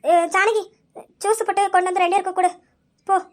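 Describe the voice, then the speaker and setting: A woman's voice: very high-pitched, fairly even intonation. A woman voicing a caring daughter-in-law in a large family, soothing and persuading the others. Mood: reassuring. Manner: brisk, reassuring, persuasive.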